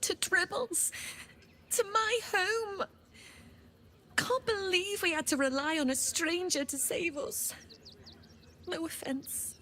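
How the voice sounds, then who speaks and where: A woman's voice: extremely high pitch, slow pace, long pauses, bright, forceful tone, slight background noise, full character voice. An actress playing a shaken circus woman who survived an attack, in a video game. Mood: shocked.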